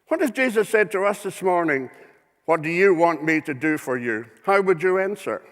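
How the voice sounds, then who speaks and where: A male minister preaching a sermon in church, measured and deliberate, with dramatic rhetorical questions. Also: a little high, in a large hall.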